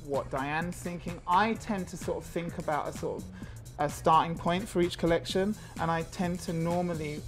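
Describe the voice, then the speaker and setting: A fashion creative director, this man speaks at normal speed in a fairly high voice while soft music plays in the background. The interview talk is casual and lengthy, packed with fillers, and he gets animated describing his designs.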